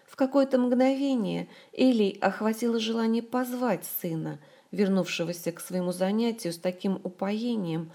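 A woman narrating a novel as an audiobook, in a calm, even storytelling manner. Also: mid-range voice, gravelly.

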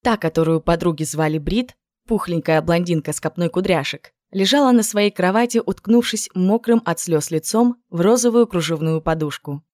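A woman with a lowish voice narrates a novel, reading evenly and expressively. The recording is close and dry. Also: normal speed, darkish tone, no echo. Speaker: audiobook narrator. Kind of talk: scripted narration.

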